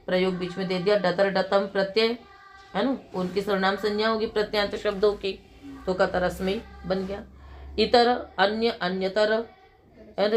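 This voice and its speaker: Woman teaching grammar with quiz-style questions. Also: mid-range voice. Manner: asks questions and answers them herself; recites Sanskrit rules in a slow measured chant. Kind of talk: classroom lecture explaining grammar.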